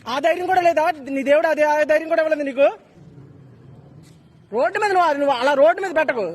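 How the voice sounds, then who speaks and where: A man's voice: very high-pitched, fast talker. A man on an outdoor street confronting someone, demanding answers and repeating his questions insistently, recorded on a handheld phone. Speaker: passerby confronting a street preacher.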